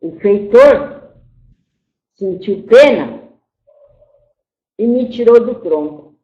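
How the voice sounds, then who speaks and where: Voicing the spirit of an old grandmother who was once enslaved, a woman gives a channeled spiritual talk that is mournful storytelling. Her medium-pitched, warm voice is animated but very slow, and she scolds, then grieves, repeatedly addressing listeners as "my child." The sound is lo-fi, with a roomy echo.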